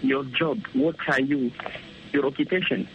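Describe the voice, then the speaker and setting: A man's voice: medium pitch, steady tone, measured pace, phone-quality sound, slight background noise. A man in his twenties practicing English on a call, hesitant and repeating words as he searches for them. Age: 20s. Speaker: caller. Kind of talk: casual language practice chat.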